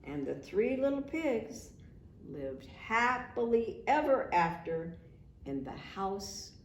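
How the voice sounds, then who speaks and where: A woman reading a children's storybook aloud as the narrator, expressive and unhurried. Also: on the high side, far from the mic. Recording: echoey room.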